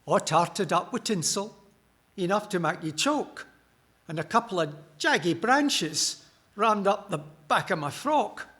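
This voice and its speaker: A cheeky Scottish fairy perched atop a Christmas tree moans about her lot in a bawdy comic complaint, as a man puts her on. The voice sits high and leaps about with lively swoops, taken at an unhurried pace. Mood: grumbling. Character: cheeky grumbling female fairy on a tree top.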